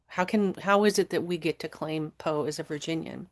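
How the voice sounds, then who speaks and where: A woman's voice: deep voice, moderate pace. A woman interviewing a guest on a podcast, asking long questions with many hesitations and ums.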